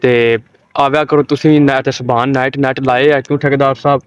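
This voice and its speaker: A man's voice: mid-range voice, little pitch movement, moderate pace, smooth, muffled recording. A man, chatting casually as he vlogs from an outdoor night volleyball ground on a phone camera. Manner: chatty, greets and interviews players. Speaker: vlogger. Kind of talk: casual vlog narration.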